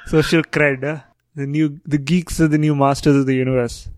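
A man's voice: fairly high pitch, little pitch movement, normal speed, no room sound. A man co-hosting a podcast, chatting casually with wry, sarcastic banter. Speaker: podcast co-host. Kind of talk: casual chat.

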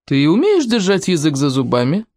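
A man's voice: high voice, big pitch swings, normal speed, no echo. A man doing a swaggering schoolboy who orders his friend about in a grave, self-important tone. The voice is close and dry, with no room around it. It rises and falls freely as he lays down the law. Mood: solemn. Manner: pompous, solemn, commanding. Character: boastful, bossy schoolboy, fifth-grader.

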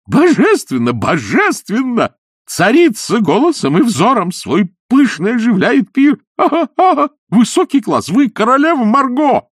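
A man voicing a giddy, fawning man who gushes compliments in a very high, loud, exclamatory voice. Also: sing-song, measured pace, husky, no echo, studio quality, exaggerated voice. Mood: gushing. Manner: shrill, exclamatory, breathless gushing.

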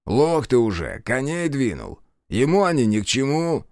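A man voicing a mocking male spirit trapped in an amulet, with a raspy, cracked baritone and a sneering manner. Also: big pitch swings, moderate pace, darkish tone, no echo, clean studio sound. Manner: sneering, taunting.

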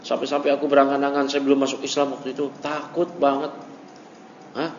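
A man's voice: medium pitch, level tone, fairly quick. A male religious teacher giving a study lecture, reading Arabic text and explaining it in casual speech, acting out quoted dialogue. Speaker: ustadz teaching a classical text. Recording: echoey hall, dull lo-fi audio, faint hiss.

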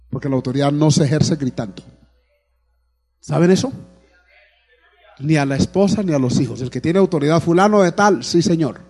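A man's voice: a little high, warm tone. A man preaching a sermon as pastor, calling out praise and asking the congregation questions. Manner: preaching to a congregation with frequent "amén" and "alabado el nombre de Jesús". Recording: long hall reverb.

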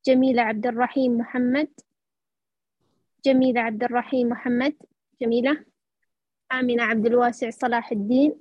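Brisk husky woman moderator, lo-fi. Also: a little high, level tone, dry recording. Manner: brisk, calls out names in repetition. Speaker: class moderator. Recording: dull lo-fi online audio.

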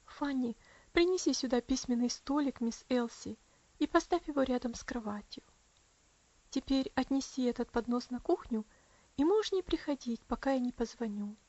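A gentle young aunt's voice, trembling and tearful, soothing a sick child, as a woman narrator puts her on. It sits a little higher than the reader's own already high voice. The recording is close, dry and slightly dull. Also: animated, moderate pace, no room sound. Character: tender, distraught young aunt.

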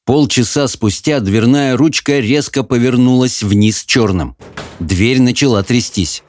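A man giving expressive, measured audiobook narration of a fantasy novel. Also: mid-range voice.

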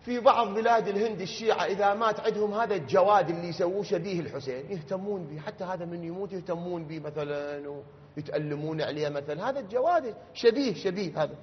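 A man with an Iraqi accent giving a religious lecture, going from quiet explanation to loud, emphatic questions. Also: high-pitched, fast, husky. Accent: Iraqi Arabic. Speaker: cleric. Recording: lo-fi with long hall reverb.

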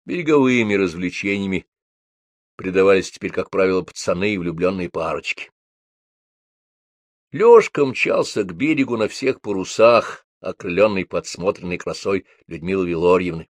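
A man reads a novel aloud in a very deep voice. He keeps a measured, even storytelling pace, and the recording is dry with no room sound. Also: no echo. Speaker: audiobook reader. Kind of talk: scripted narration of a novel.

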